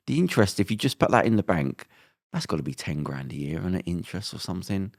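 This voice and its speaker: A man's voice: sits low, big pitch swings, fast. A British man hosting a casual podcast chat, thinking aloud in a rambling way. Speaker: podcast host.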